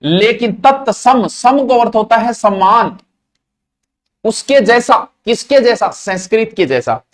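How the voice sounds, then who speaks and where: A man's voice: sits high, animated, slow. A man with a Marwari accent teaching a grammar class, mixing in local words and asking questions that he then answers himself. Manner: mixes Marwari words into Hindi, asks questions and answers them.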